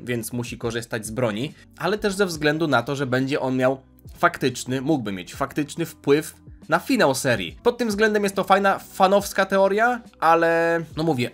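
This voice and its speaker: A man's voice: mid-range voice, fairly bright tone. A man giving casual video commentary, chatty and analytical as he weighs fan theories aloud. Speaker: YouTube commentator on anime.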